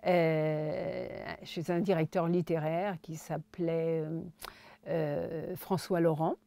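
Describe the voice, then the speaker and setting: A woman's voice: deep voice, takes it slowly, gravelly. A woman, filmmaker and writer, telling anecdotes as an interview guest and acting out the dialogue. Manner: animated storyteller who acts out dialogue. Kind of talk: anecdotal storytelling in a conversation.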